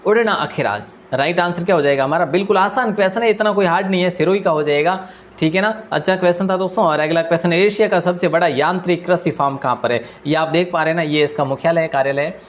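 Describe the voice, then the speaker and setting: A man teaching an exam-prep quiz lesson, talking fast and repeating each question before answering it himself. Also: sits high. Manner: asks questions aloud and answers them himself; deliberately speaks fast.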